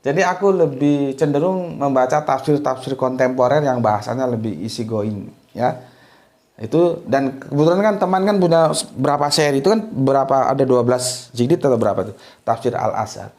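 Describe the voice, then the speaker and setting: Speaking fairly quickly in a medium-pitched, slightly mellow voice, a Sumatran man delivers a casual religious talk. He's a religious teacher from Indonesia who rambles loosely, restarts sentences, and keeps adding a brief "ya".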